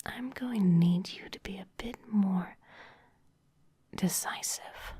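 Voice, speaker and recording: Slow, dark-toned and breathy at the edges, this woman's mid-range voice brings an ASMR vampire office boss to life. Seductive and domineering, she whispers in a teasing, commanding way, her mood hungry and in control.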